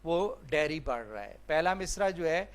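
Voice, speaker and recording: Male teacher, explaining a play line by line, synonym lists, mixes English and Urdu, somewhat high-pitched. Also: animated. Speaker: literature teacher.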